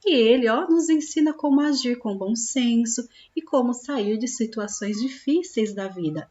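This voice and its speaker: A woman teaching young children, slowly drawing out syllables and often checking in with them. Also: on the high side, darkish tone, muffled recording. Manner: slow, drawn-out sounding of syllables, with frequent check-in questions. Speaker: primary school teacher. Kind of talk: recorded classroom lesson for young children.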